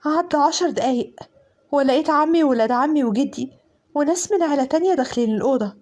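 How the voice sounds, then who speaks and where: A woman's voice: high voice, quick pace, a little mellow. A woman with an Egyptian accent narrating a dramatic first-person story with emotional, pleading delivery. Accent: Egyptian Arabic. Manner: emotional, shifting into fearful pleading.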